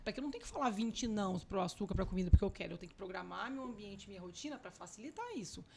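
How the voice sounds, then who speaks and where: A woman cardiologist chats quickly as a podcast guest, her fairly high voice carrying a gravelly, creaky edge. She explains with emphasis and slips into little scenes with her kids. Faint noise sits under the voice. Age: adult with young children. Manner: animated, acts out family dialogue. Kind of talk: podcast interview talk.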